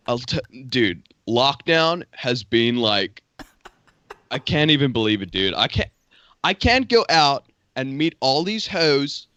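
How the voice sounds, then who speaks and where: A brash young American party bro, put on by an Australian man, loud, whiny and full of curses. The voice is bright and forceful, with a drawn-out American accent. It is recorded dry and close. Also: medium pitch, dry recording, lo-fi sound. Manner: loud, cursing, whiny about lockdown.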